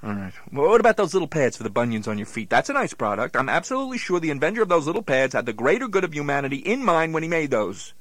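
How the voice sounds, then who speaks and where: A man's voice: a little high, very animated, fast talker, hardly any pauses, fairly bright tone, no echo. A man playing the incredulous, exasperated straight man in a scripted radio comedy dialogue.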